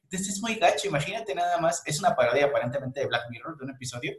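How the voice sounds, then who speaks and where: A man hosting a casual chat, telling stories in an animated, slangy way with many restarts. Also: fairly high pitch, rapid-fire. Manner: animated storyteller, slangy, frequent restarts and laughs. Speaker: podcast host. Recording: echoey room.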